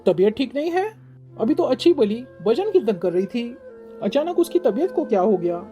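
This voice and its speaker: A woman voicing a kind older father-in-law in a cartoon, speaking with gentle concern. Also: on the high side, big pitch swings, moderate pace, muffled recording, faint music behind.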